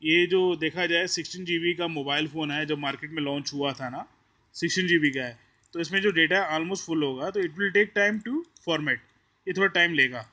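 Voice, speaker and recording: Speaking at a moderate pace, a tech tutorial host with an Indian accent has a fairly high, pushed, bright voice. He mixes Hindi and English in an informal hands-on tutorial, laying out steps one by one and saying things more than once.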